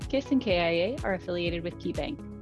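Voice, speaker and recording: Woman, low-pitched voice, formal announcer, scripted legal disclaimer, clear music bed behind. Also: expressive, fairly quick.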